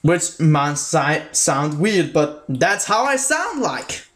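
A man giving a casual spoken review of a video, halting and often restarting his sentences, with a voice that mixes American and British sounds. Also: fairly high pitch, very animated, a bit bright.

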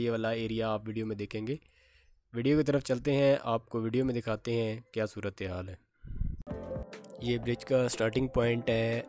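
A man from Pakistan presenting a construction update, calmly pointing out places and describing the work on a site video tour. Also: mid-range voice. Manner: plain explanatory, pointing out locations.

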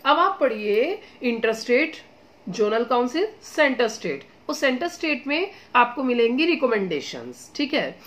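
A woman's voice: fairly high pitch, very animated, unhurried, fairly bright tone. A woman exam-coaching teacher giving casual study advice, chatty and encouraging, often checking in with her students and mixing English phrases into her talk. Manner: chatty, addresses students as beta and guys, mixes English phrases; repeats "theek hai" as a check-in.

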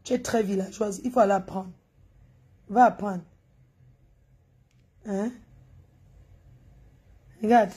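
A woman's voice: medium pitch, fairly even intonation, slow, long pauses, warm tone, slightly rough. A woman hosts a gossip channel. She gives mocking commentary over a video and scolds and teases the person on screen directly. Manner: scolding, teasing, talks straight at the person on screen.

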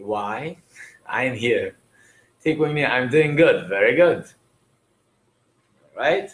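A man teaching a livestream lesson in a roomy space with an audible echo. His pitch sits in a middle range. He hesitates with many fillers as he moves between Vietnamese and English. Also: fairly bright tone. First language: French. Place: livestream room.

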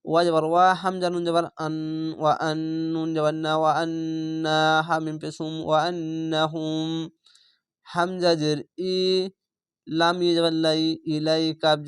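A man teaching Quran reading, spelling out words letter by letter in a patient, measured, repetitive drill. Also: on the high side, flat delivery, clear, resonant tone, dry recording, clean studio sound.

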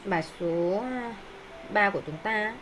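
A woman teacher explaining English textbook exercises with many hesitations and pauses. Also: medium pitch, background noise.

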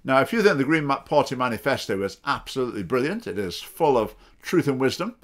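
With a mid-range voice, very animated and quick, a middle-aged English spokesman for a political party records commentary at his home study webcam. He's opinionated and sarcastic throughout, parodying the voices of those he quotes.

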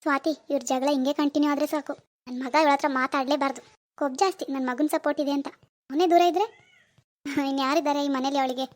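A woman's voice: high-pitched, steady tone, fast, close to an everyday voice. A woman voicing a scheming mother-in-law in a cartoon, speaking in a sneering, gloating way.

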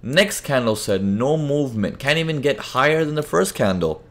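This man, raised across several countries by Indian parents, hosts a live trading webinar where he walks through charts conversationally, answers chat questions and keeps checking in with viewers. His voice is medium-pitched and expressive with a fairly bright tone, moving at a moderate pace.

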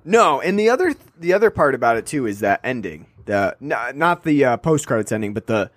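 A male podcast co-host with a mid-range voice and big swings in pitch talks through a film in a dry recording. The review is casual and sarcastic, meandering with lots of fillers and quick put-on voices.

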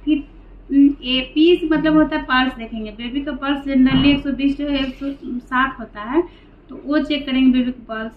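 Higher-pitched woman explaining step by step. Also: steady tone, normal speed, echoey room, lo-fi sound, slight background noise. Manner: explains step by step, plainly and patiently. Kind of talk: hands-on medical demonstration.

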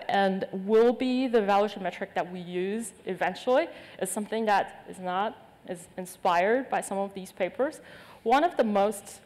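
A woman's voice: mid-range voice, a little mellow. Woman giving a talk in a reverberant hall. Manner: hesitant, many fillers and restarts. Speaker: keynote speaker. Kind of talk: conference presentation. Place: large conference stage with audience.

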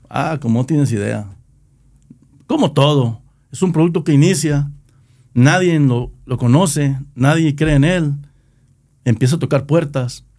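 Relaxed, slangy Mexican man telling stories. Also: mid-range voice, dry recording. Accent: Nayarit Mexican Spanish. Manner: rambling, repeats words, slangy. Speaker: band founder, guest. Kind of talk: casual storytelling interview.

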